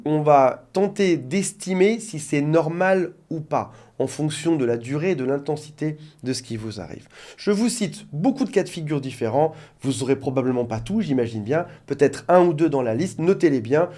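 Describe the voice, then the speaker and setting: A man's voice: fairly high pitch, dark tone. A man working as a relationship coach, explaining things directly to his viewers in an informal talk, with joking asides. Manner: jokey asides.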